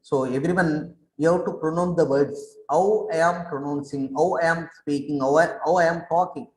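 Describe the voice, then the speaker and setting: A man teaches school science over an online call, repeating each term slowly so pupils can say it after him. His voice sits slightly high and moves very slowly. The room around him rings with echo. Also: steady tone. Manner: repetitive, mixes English and Telugu, drills pronunciation. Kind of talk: online class lecture. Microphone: online class call.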